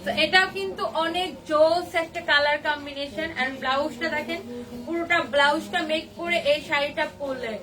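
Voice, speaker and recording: A young woman hosting a live shopping stream, excitedly gushing over sari colors and reading out buyers' comments. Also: high-pitched, normal speed, distant mic. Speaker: live sale host.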